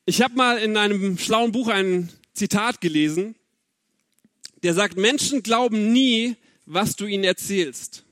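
A man's voice: sits high, unhurried, a bit bright, no echo, clean studio sound. A man in his thirties giving an earnest, personal sermon and speaking straight to his listeners. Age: 30s. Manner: earnest, personal, addressing the audience directly. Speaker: preacher.

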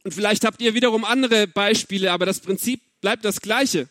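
A man's voice: sits high, fairly quick, a bit bright, dry recording, clean studio sound. A man in his thirties giving an earnest, personal sermon and speaking straight to his listeners. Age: 30s. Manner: earnest, personal, addressing the audience directly. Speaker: preacher.

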